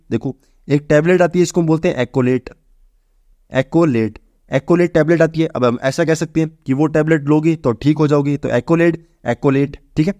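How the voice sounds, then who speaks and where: A young man teaching exam vocabulary, briskly asking and answering his own questions. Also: fairly high pitch, a little mellow, dry recording. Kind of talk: exam-prep vocabulary lesson.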